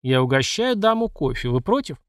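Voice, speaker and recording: A man voicing a bald aging emperor who speaks with polite, ironic calm. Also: medium pitch, clear, resonant tone, dry recording, studio quality, lightly acted. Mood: amused calm. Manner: politely teasing, unhurried.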